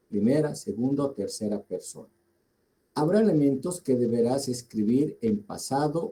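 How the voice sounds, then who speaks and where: Slow, dark-voiced male teacher. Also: medium pitch, low-quality recording. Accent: Bolivian Spanish. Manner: deliberate, repeats key words, asks the class questions. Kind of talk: slow classroom lecture.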